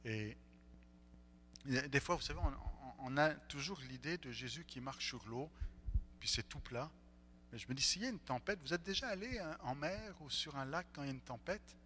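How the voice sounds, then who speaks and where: Man, pastor, lively sermon, bright forceful voice, long church-hall echo, faint hum. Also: mid-range voice, normal speed. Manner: animated, acts out the disciples' voices.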